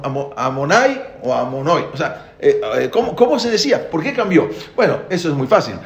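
A man's voice: mid-range voice, creaky, echoey room, slight background noise. A man giving a spoken Torah lesson to a class, explaining with many restarts and rhetorical questions. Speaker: rabbi teaching a class.

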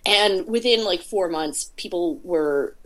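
A woman's voice: on the low side, takes it slowly, a bit bright. A woman talking casually as a podcast guest, a chatty storyteller with lots of filler words. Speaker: podcast guest, indie game PR producer. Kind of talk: casual interview talk.

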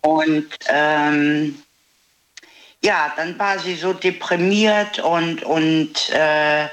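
A woman's voice: sits low, drawn-out words. A woman telling a personal story in casual conversation, indignant and acting out the dialogue. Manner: lively storyteller, acts out the dialogue. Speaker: interviewee.

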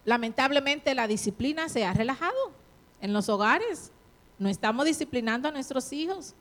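A woman's voice: high-pitched, animated, moderate pace, a bit bright. A middle-aged woman preaching a sermon to a congregation. She exhorts her listeners, asks them questions and acts out the voices of the people she quotes.

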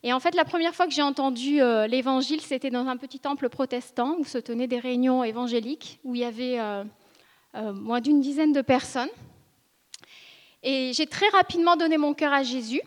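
In a church ministry school meeting room, a church member shares her testimony with the congregation, seated and filmed for video. She's a woman in her thirties from northern France with a high voice, earnest yet hesitant, often stopping and starting again. Her voice echoes with a long reverb.

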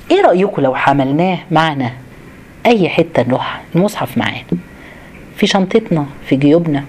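Low-voiced Egyptian woman giving a religious talk. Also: darkish tone, husky. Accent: Egyptian Arabic. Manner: conversational, exhorting, with rhetorical questions. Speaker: religious lesson host. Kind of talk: informal religious talk addressed to a group.

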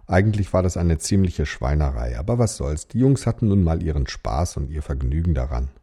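A man narrating a fairy tale in a calm, dryly wry storytelling manner. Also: a bass voice, a little fast, husky.

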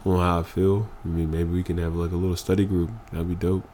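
Very deep-voiced earnest man, emotional. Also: level tone, brisk, mellow, slight background noise. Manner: earnest, emphatic, repeats phrases for stress. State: emotional after crying. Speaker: podcast guest. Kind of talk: emotional candid conversation.

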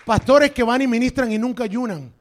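A man's voice: very high voice, brisk, a faint crowd. A male pastor preaching a sermon to a congregation in a church, emphatic and dropping into English phrases.

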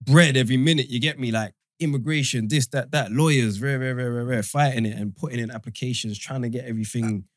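A man's voice: mid-range voice, fast talker, hardly any pauses, dry recording. A man speaking with a London roadman accent in a medium register. His talk is casual and thick with slang, full of repeated words and tag questions. The recording is dry. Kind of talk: casual conversation, heavy street slang.

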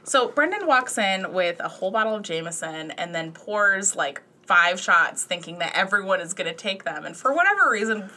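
A woman's voice: medium pitch, normal speed, few pauses. A young adult woman telling a casual anecdote as a podcast guest, acting out the dialogue as she goes. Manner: animated, acts out quoted dialogue.

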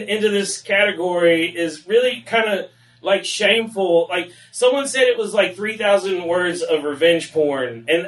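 A man's voice: high voice, a bit bright. A man on a comedy panel, rambling through crude, profane jokes. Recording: roomy sound from a distant mic.

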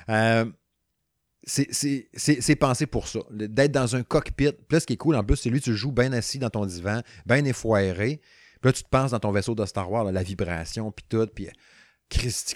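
Young man, Quebec French accent, excitable game reviewer, rambling slangy chat, dry close sound. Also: on the low side, dry recording. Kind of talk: casual gaming chat.

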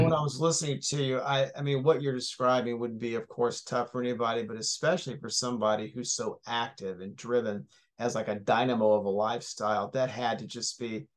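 Man, mid pitch, attentive and supportive interviewer. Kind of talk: interview conversation.

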